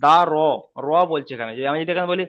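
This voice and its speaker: A man's voice: on the high side, quick pace, muffled recording, crowd noise. A man teaching Quran letter pronunciation in an online class, patiently repeating letters and syllables. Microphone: video call.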